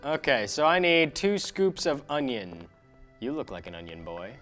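Excitable, foul-mouthed young-sounding man gaming. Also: mid-range voice, moderate pace, faint music behind. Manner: excitable, swears often, teasing. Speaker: co-host of a gaming channel. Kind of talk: casual let's-play commentary.

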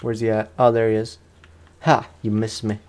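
This gaming host's voice sits on the low side and sounds a little mellow, delivered completely flat at a moderate pace. Casual and slangy, he narrates his let's play by talking to himself and addressing the game's enemy.

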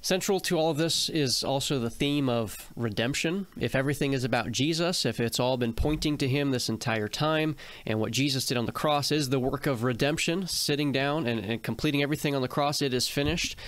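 A man's voice: medium pitch, brisk, few pauses, fairly bright tone. A man co-hosting a theology discussion podcast, explaining ideas in long runs and speeding up at times. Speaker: podcast co-host.

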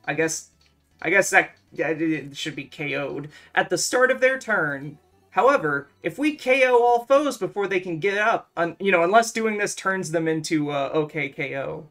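A woman's voice: on the low side, normal speed, soft background music. A woman casually chatting over gameplay and reading game dialogue aloud in a playful, joking way. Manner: playful, jokey, reads game text in lively bursts. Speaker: let's play co-host.

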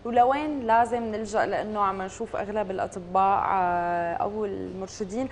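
A woman's voice: mid-range voice, steady tone, fairly quick, slight background noise. A woman with a Syrian Arabic accent presenting a morning TV show, asking questions with hesitant fillers and short agreements. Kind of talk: TV interview questions.

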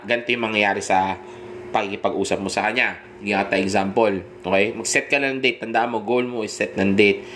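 Filipino guy coaching on dating, direct, keeps asking okay?, lower voice, faint noise behind. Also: fairly bright tone. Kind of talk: instructional monologue.

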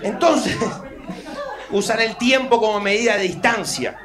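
A man with an Argentine accent doing stand-up comedy, telling stories in an animated, exaggerated, profane way. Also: high voice, unhurried, a crowd in the background. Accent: Argentine Spanish. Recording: noisy live recording.

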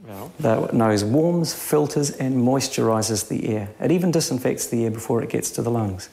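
A middle-aged man with a New Zealand accent, a breathing instructor who explains and gives brisk, instructive directions. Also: medium pitch, lively intonation, gravelly, warm tone. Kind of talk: interview and instruction.

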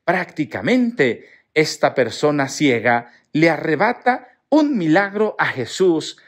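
Priest from mexico reading scripture then preaching, slow and drawn out, voice swings up and down a lot, acts out the people in the story. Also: male voice, fairly high pitch, sing-song. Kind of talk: Mass readings and homily.

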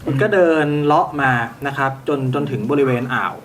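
A man running a tabletop role-playing game as game master, narrating scenes in a calm, descriptive way with polite particles. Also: mid-range voice, fairly quick, a little hiss or hum.

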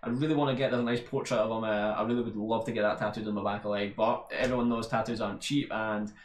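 A young man with a Scottish accent answering viewer questions in a casual gaming vlog, relaxed and rambling, full of ums and "bro". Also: lowish voice, fast talker. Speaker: YouTube gaming creator. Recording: roomy echo.

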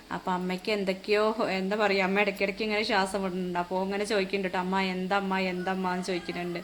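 A woman's voice: mid-range voice, fairly bright tone, slight background noise. Chatty Keralan woman vlogging. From Kerala, India. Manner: chatty, tag-heavy storytelling. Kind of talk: casual narration. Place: airport, indoors.

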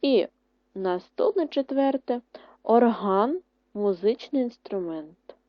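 A woman teacher giving a primary school language lesson, dictating words slowly and clearly with strong stress on syllables. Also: medium pitch, very animated, dry recording. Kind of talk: online lesson explanation. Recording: dry, dull lo-fi sound.

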